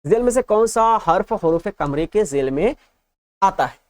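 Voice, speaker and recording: A man's voice: high voice, lively intonation, unhurried, dry recording. A male teacher giving an exam-prep lesson, patiently drilling letters in repeated lists and asking the class check questions.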